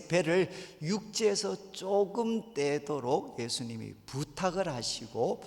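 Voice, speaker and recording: A man's voice: fairly high pitch, vocal fry, big-room sound. A man preaching at a revival meeting, putting questions to the congregation as he goes. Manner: addresses the congregation with rhetorical questions. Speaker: pastor. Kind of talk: revival sermon. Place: church sanctuary.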